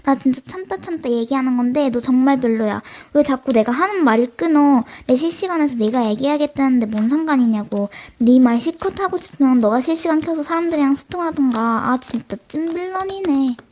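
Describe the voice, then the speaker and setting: A woman's voice: high voice, expressive, fairly quick, hardly any pauses, darkish tone. A teenage girl with a mild sore throat, playing a livestreamer who chats with and scolds imagined viewers in a scripted role-play. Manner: talks straight to imagined chat viewers, scolding and chatty. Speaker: solo role-play creator.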